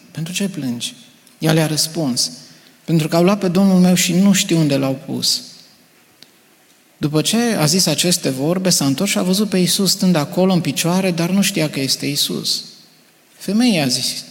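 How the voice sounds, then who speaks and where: A man with a fairly high, gravelly voice reads scripture aloud to a congregation. His delivery is measured and earnest. The sound carries a long hall reverb. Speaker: preacher.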